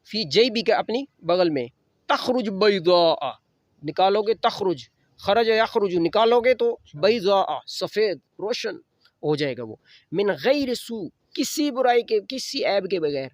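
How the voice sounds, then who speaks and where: A man teaching a religious lesson. He recites Arabic verses slowly and then explains them in Urdu. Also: high voice, animated, no echo, studio quality. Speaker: Quran teacher.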